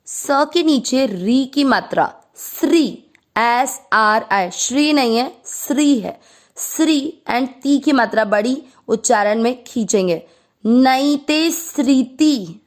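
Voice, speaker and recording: A woman teaching Sanskrit verse pronunciation, breaking words into syllables and reciting them slowly and drawn out. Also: a little high, expressive. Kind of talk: patient pronunciation lesson.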